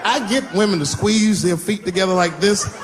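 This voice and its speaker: A man's voice: sits high, normal speed. A man doing a stand-up comedy set at a live show, telling a story and acting out the voices of the people in it. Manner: storytelling, acts out quoted voices. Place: live venue with laughing audience. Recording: live show, faint background noise, laughter. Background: audience laughter.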